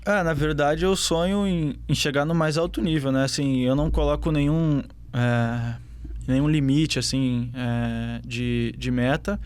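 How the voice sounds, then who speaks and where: Unhurried and smooth, a young adult footballer from southern Brazil responds to interview questions in a medium-pitched, fairly even voice with no room sound. He's casual, using many fillers and restarting often.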